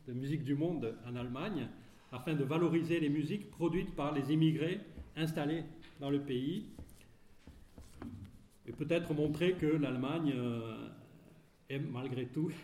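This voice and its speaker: Mellow-voiced man hosting in an echoey room. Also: fairly high pitch. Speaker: host introducing a guest speaker. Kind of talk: spoken introduction at a public event. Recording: echoey room, faint noise.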